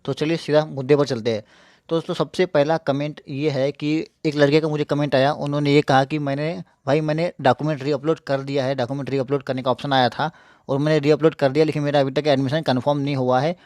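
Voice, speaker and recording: On his YouTube tech channel, a young host runs a casual screen-share tutorial in a slightly high, somewhat mellow voice with a flat, quick delivery. A mouth ulcer slightly hinders him as he repeats himself, reassures viewers and checks in with them. The sound is dry and clean, studio-like.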